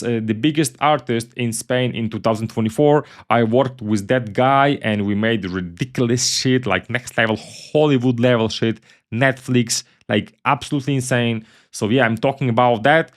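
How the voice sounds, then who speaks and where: A man from Ukraine, hosting a casual software tutorial in a loose, chatty way and often repeating his words. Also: mid-range voice. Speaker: tutorial host.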